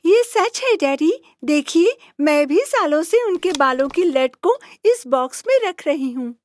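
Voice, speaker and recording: A woman's voice: sits high, animated, a little slow, slight background noise, voice pushed up. A woman voicing a young fairy-tale princess who speaks tearfully and exclaims often. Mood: earnest. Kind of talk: cartoon storybook voice acting.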